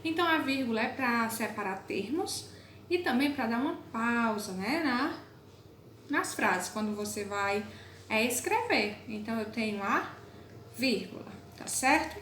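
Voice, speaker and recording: A woman's voice: a little high, expressive, a bit bright. A woman teacher with a Brazilian Portuguese accent, patiently explaining a lesson to young pupils in a recorded online class. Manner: patient, explains slowly, calls pupils "my loves". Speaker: primary school teacher. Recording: echoey room, faint background noise.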